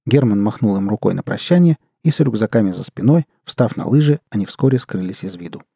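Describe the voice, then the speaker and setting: Man reading an audiobook, low-key, mellow dark voice, dry close mic. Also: animated, brisk, gravelly, husky, no echo. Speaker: audiobook narrator. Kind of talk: scripted narration.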